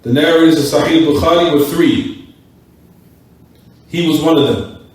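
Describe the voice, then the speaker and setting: A man's voice: on the high side, steady tone, moderate pace, darkish tone. Man, classroom lecture, repeats words, quizzes students, very echoey room, distant mic. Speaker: teacher of an Islamic class. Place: mosque classroom.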